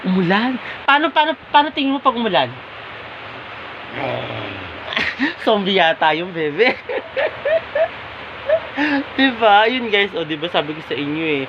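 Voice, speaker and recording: A man's voice: sits high, big pitch swings, a little slow, gravelly. A man filming a casual home vlog, asking playful, teasing questions. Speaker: vlogger. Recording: dull home video sound, faint hiss.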